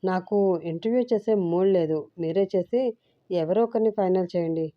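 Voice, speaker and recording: A woman's voice: fairly low pitch, moderate pace, no echo, lightly acted. A woman voicing an irritable young husband who snaps and scolds, in a dull, dry recording. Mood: dismissive. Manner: gruff, scolding.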